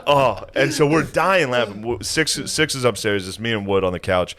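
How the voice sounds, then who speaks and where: Animated storytelling comedian man. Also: medium pitch, moderate pace. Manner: animated, laughing, swearing. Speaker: comedian, podcast co-host. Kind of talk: casual storytelling.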